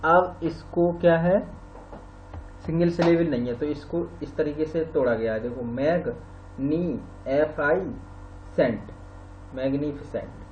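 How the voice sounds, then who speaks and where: A man gives a slow, patient grammar lesson, spelling out and repeating each example word. His voice sits a little high for a man. The recording is roomy and dull, with a faint hum behind it. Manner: slow, explanatory, repeats words aloud. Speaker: teacher.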